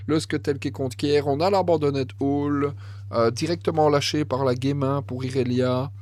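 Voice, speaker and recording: Excitable French card game commentator, man. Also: mid-range voice, normal speed, no room sound. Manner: excitable, thinks aloud, corrects himself. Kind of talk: casual match commentary.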